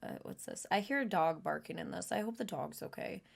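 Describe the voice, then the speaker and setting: A woman giving casual, easily spooked reaction commentary as a horror game streamer, with a creaky voice. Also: lowish voice, animated, fairly quick.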